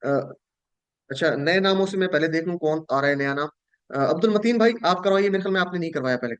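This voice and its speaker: A man's voice: fairly high pitch, fast, fairly bright tone, clear, resonant tone. A man teaching Arabic verb forms in an online class, drilling students in call-and-repeat, with a Pakistani Urdu accent.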